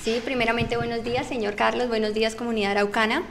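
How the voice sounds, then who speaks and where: A woman's voice: fairly high pitch, level tone, fast, fairly bright tone, slight background noise. A woman, answering interview questions in an earnest, formal, prepared way at a studio desk mic. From Colombia. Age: 20s. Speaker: council candidate. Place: small radio studio.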